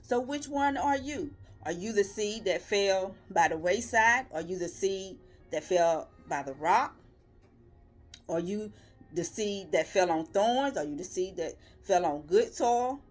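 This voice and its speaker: A woman's voice: medium pitch, lively intonation, measured pace, soft background music. Woman preaching in rhythmic rhetorical questions. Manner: earnest, emphatic, building rhythmic lists. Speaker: lay preacher. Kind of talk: devotional video sermon.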